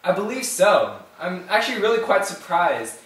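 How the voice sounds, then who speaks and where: A stoic former prisoner of war, played by a man, telling of his ordeal in a plain, earnest way. His voice is slightly high, caught from a distance in a very echoey room. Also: very animated, normal speed, a bit bright.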